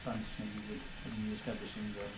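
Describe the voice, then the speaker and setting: A man leading a simulated newborn resuscitation, giving instructions and counting compressions aloud in a steady rhythm. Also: fairly low pitch, brisk, heavy background noise.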